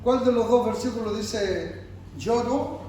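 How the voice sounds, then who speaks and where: High-pitched preacher guy, slow and pleading, big echo, mic far off. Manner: emphatic, pleading, acts out God calling softly. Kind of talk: sermon. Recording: echoey church room from far off, faint noise.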